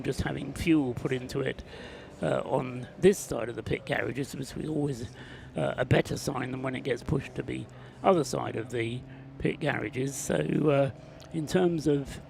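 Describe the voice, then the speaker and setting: Gravelly-voiced male race commentator. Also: medium pitch, darkish tone, a little hiss or hum. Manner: chatty, heavy with "uh" fillers. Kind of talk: live race broadcast commentary.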